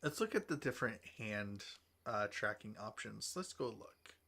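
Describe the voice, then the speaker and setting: A man's voice: lowish voice, lively intonation, normal speed, gravelly, pushed and bright. A sleepy man chatting casually on a stream about his avatar model, rambling and correcting himself as he goes. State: yawning, sleepy.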